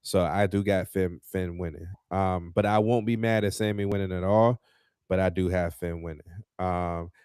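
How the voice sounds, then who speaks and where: A man co-hosts a wrestling podcast, ranting casually and animatedly with plenty of slang and fillers until he gets heated. His deep, darkish voice is clear and resonant, with fairly even intonation, a moderate pace, and clean studio sound with no room echo.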